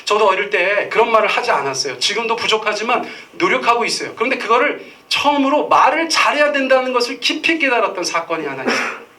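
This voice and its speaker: Bright high-voiced man preaching. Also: animated, fast talker, far from the mic. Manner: storytelling, acts out quoted voices. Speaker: pastor. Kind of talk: Sunday sermon. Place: church sanctuary.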